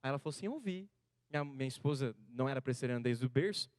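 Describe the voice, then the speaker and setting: A man in his thirties from Brazil, a seminarian preaching a sermon built around a personal story, his delivery swinging between hushed and loud, rising passages. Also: medium pitch, animated, rapid-fire, no echo, studio quality. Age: 30s. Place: church hall.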